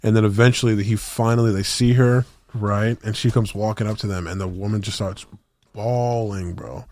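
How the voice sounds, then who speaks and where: Young male podcast co-host, lowish pitch, loose slangy storyteller, dry close sound. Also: steady tone, normal speed, a little mellow, no echo. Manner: rambling slangy storytelling with many restarts. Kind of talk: casual chat.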